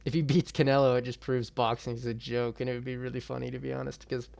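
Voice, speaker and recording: A man's voice: mid-range voice, level tone, fast talker, vocal fry, a little mellow. A young man hosting his own MMA channel, ranting in a heated, profane and blunt way about a boxing match. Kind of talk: ranting reaction vlog.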